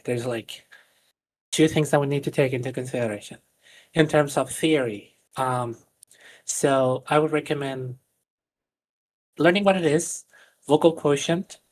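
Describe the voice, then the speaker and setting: Speaking in a mid-range voice, a Spanish-native voice coach walks through voice training on a live stream. The explanation is earnest but peppered with fillers and false starts.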